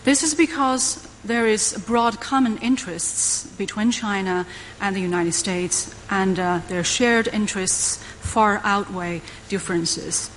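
A woman giving a live interpreter voice, rendering a speech into English at a measured pace with occasional fillers. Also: medium pitch, a bit bright, slight background noise, low-quality recording.

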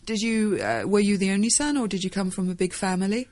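A woman interviewing, asking gentle prompting questions. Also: medium pitch, lively intonation, fast.

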